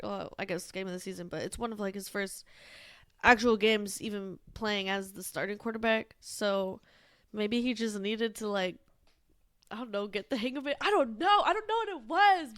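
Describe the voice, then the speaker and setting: Brief: female podcast co-host, casual sports chatter, bright-pitched and smooth, dry close sound, lots of "like" and cursing. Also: lively intonation, moderate pace, dry recording. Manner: rambling, swears freely, many fillers.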